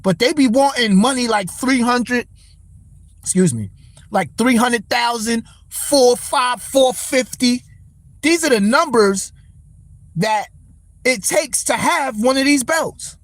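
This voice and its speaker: High-voiced man ranting profanely about boxing. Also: slow pace, dry recording. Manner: profane, blunt, rants and answers chat. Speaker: livestream host. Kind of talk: casual boxing talk livestream.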